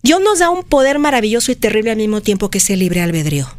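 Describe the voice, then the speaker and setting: A woman, a motivational speaker on a radio show, preaching with many rhetorical questions and a pace that swings between fast and slow. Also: medium pitch. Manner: expressive, switching between fast and slow delivery. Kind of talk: radio conversation.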